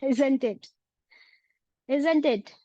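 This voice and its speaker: A woman's voice: high voice, extremely slow, mellow, no room sound, dull audio. A woman teaching an online religious class, asking her students questions and mixing in English phrases. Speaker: Quran teacher.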